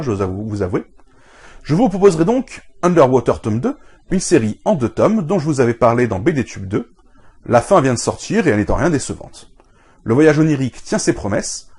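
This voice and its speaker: A man reviews comic books in a scripted show, his slightly husky voice rising and falling with lively, animated intonation. He sounds enthusiastic as he recommends titles to his viewers. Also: on the high side.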